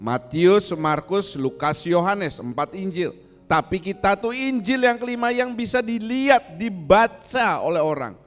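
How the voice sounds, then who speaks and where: A man's voice: high-pitched, lively intonation, a little slow, big-room sound, faint music behind. A man preaching a sermon as pastor, asking the congregation questions and acting out angry insults in a raised voice. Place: church hall.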